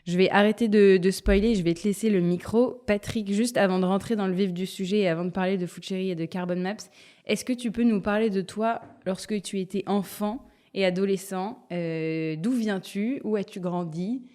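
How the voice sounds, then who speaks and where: Mellow-voiced woman podcast host. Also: mid-range voice, fairly even intonation, normal speed. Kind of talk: hosting an interview podcast.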